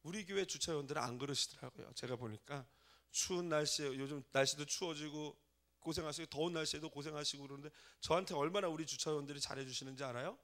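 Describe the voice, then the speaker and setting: Man, pastor from korea, 40s, lively sermon, acts out voices, questions the congregation, high-pitched. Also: fast talker. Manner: animated storytelling, acts out quoted voices, asks the congregation questions. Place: church sanctuary.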